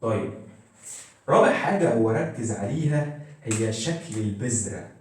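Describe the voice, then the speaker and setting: A man's voice: mid-range voice, expressive, moderate pace. A man with an Egyptian accent teaching a school science lesson. He keeps asking questions, answers them himself and repeats the key words. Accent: Egyptian Arabic. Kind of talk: classroom-style lesson. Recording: very echoey room, mic set far off.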